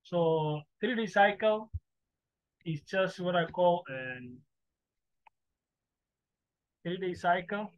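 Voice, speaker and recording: In an informal teaching monologue, a Somali-speaking forex instructor with a high voice speaks haltingly in broken English, returning to phrases again and again. The recording has no echo and sounds dry, slightly dull and lo-fi.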